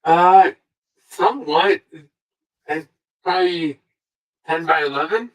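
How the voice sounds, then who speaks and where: A man's voice: on the high side, takes it slowly. A man calling into a panel from a small room, his voice coming through a tinny, metallic, echoey mic, speaking hesitantly. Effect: tinny metallic echo on the mic. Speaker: panel caller. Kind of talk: casual chat. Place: small room about ten by eleven feet.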